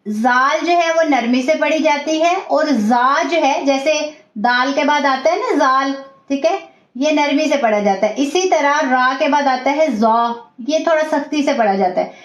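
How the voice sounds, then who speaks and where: A woman teaching a recitation class, patiently repeating each word slowly and often checking in with her students. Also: sits high. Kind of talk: online class lesson, slow repetition drills. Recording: roomy, dull lo-fi audio.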